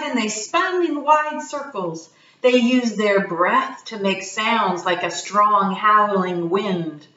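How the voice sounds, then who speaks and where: Brief: woman storyteller for children, slow and bright, recorded far off in an echoey room. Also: medium pitch, muffled recording. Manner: gentle, asks children questions. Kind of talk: children's read-aloud.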